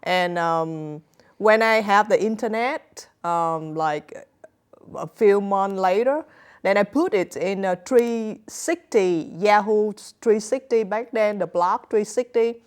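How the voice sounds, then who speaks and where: A woman's voice: medium pitch, takes it slowly, clear, resonant tone. A young woman from Vietnam with a Vietnamese accent, answering interview questions in hesitant, simple English full of fillers. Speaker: author guest.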